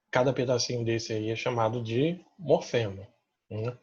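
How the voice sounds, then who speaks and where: Husky Brazilian teacher checking in constantly. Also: male voice, medium pitch, darkish tone, highs cut off. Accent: Brazilian Portuguese. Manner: checks in with listeners through constant tag questions; points to examples on the slide as he goes. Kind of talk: remote grammar lesson explaining slides.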